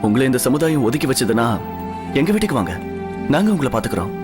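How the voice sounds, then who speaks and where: A calm, resolute hero, voiced by a man in a dubbed film, speaking at a middle pitch. Loud film score sits behind him. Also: fast, music in the background, natural voice. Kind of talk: Tamil film dub.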